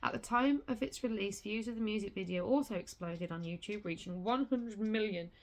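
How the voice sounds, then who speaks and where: A woman reading a booklet aloud in a casual vlog, stumbling over words and breaking off to swear. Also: medium pitch. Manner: reads haltingly with restarts and swears in sudden outbursts. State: has the hiccups.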